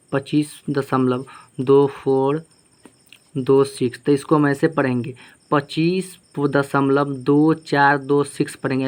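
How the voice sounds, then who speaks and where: A young man teaching a math lesson, explaining step by step and checking in with his students as he goes. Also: mid-range voice. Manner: explains step by step, often asks "ठीक है ना".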